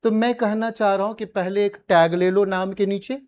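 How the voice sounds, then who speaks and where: A man's voice: high voice, steady tone, moderate pace, a little mellow, lo-fi sound. A man teaching a maths class, teasing and coaxing his students to answer, slipping English phrases into his talk. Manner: mixes English phrases into speech. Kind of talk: classroom lecture.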